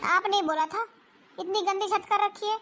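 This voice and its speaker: Skit figure: high, bright voice doing a grumbling older mother-in-law, complaining and self-pitying, faint hiss behind. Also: fairly even intonation, normal speed. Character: nagging older mother-in-law with aching knees. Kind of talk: family comedy skit.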